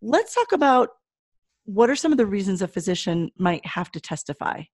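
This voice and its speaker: A woman's voice: medium pitch, very animated, normal speed, darkish tone, dry recording, clean studio sound. A middle-aged woman with a Michigan accent, chatting casually as a podcast co-host. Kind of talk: casual scripted-topic podcast chat.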